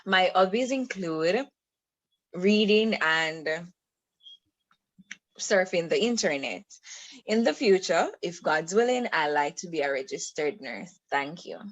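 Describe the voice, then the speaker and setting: A woman's voice: on the low side, expressive, takes it slowly, long pauses, poor audio. A woman in her twenties introducing herself carefully as a quiz contestant. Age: 20s.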